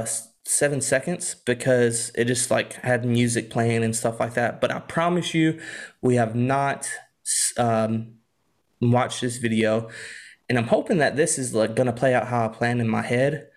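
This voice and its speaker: A young man chatting on a podcast, loose and easygoing, laughing between stories. His voice sits at an everyday middle pitch. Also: moderate pace. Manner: laughs often, chatty with frequent "like" fillers. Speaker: podcast co-host. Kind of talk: casual chat.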